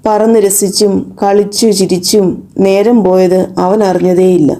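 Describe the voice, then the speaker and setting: A woman reading a children's story aloud, expressive and switching into voices for each character. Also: medium pitch, measured pace.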